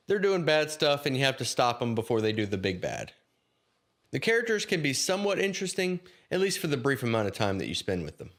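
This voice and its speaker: A man's voice: mid-range voice, fairly bright tone. A man reading a scripted game review, casually addressing viewers directly.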